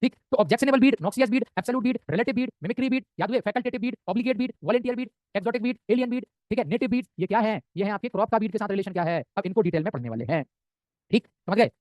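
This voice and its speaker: A man's voice: high-pitched, a little mellow, no room sound. A man from India teaching an exam-prep lecture, who keeps asking his students whether they understood and answers his own questions. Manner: rapid, keeps asking "samjhe?" and answering himself.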